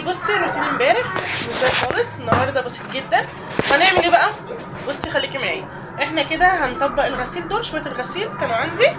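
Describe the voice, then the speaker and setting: Egyptian mother, vlog host, voice rough from a cold, peppy pep-talk delivery; far-off mic, heavy street noise. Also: high voice. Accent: Egyptian Arabic. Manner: chatty, cheering viewers on. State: voice changed by a cold. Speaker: mother vlogger. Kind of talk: casual chat to viewers. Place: home room with open windows to a street. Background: street crowd and noise.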